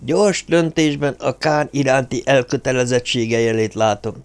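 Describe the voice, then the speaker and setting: Man playing a calm, mild commissioner. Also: mid-range voice, smooth, pitched above the performer's own voice, natural voice. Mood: dry. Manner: mild and composed. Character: mild, calm, weary male imperial commissioner. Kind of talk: audiobook character voice.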